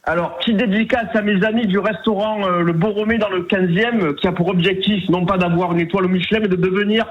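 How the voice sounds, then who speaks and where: A man taking part in a casual on-air chat on a radio show, speaking with a relaxed, dry humor. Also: high voice, quick pace, lo-fi sound.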